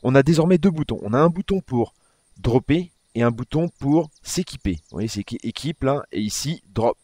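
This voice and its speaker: A man's voice: mid-range voice, lively intonation, moderate pace, a little mellow, no room sound, clean studio sound. A man hosting his gaming channel, talking casually through a game update and often correcting himself as he clicks through menus. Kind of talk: casual gameplay walkthrough commentary.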